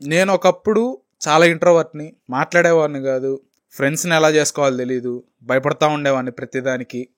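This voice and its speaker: A young man in his twenties with a Telugu accent, telling a candid personal story as a vlogger and slipping English phrases into his talk. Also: fairly high pitch. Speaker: motivational vlogger.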